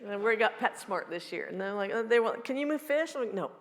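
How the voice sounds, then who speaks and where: A woman's voice: a little high, lively intonation. Blunt, joking woman in her fifties. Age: 50s. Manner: blunt, joking, fast-talking. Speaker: keynote speaker. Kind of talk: live Q&A at a meeting. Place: large hall. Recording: long hall reverb.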